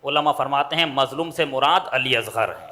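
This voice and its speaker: A middle-aged man with a Pakistani Urdu accent delivering an impassioned Shia sermon, slowing and rising for emphasis as he retells a story. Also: mid-range voice, bright, forceful tone. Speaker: Shia cleric delivering a majlis. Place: large mourning hall.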